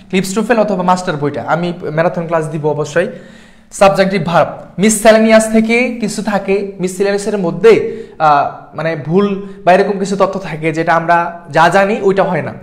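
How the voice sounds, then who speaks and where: Brisk high-voiced young male tutor. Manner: repetitive, emphatic, keeps checking understanding. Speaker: admission exam tutor. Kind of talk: live class lecture.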